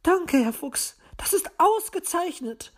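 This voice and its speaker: A woman voicing an anxious female magpie, speaking high and tremulously. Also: steady tone, normal speed. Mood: fretful. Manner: tremulous, hesitant.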